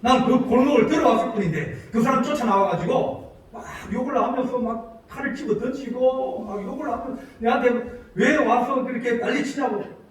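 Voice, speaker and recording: Male pastor, high and animated, slow emphatic delivery, distant mic in an echoey church. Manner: storytelling preacher, drawn-out emphatic phrases. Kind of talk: sermon. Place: church sanctuary. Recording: roomy church sound, mic from a distance, faint room noise.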